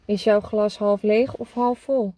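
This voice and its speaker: A woman's voice: medium pitch, steady tone, measured pace, dark tone, no room sound, lightly acted. A woman voicing a cheerful little mole in a storybook, earnest and playful. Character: cheerful small mole who loves cake.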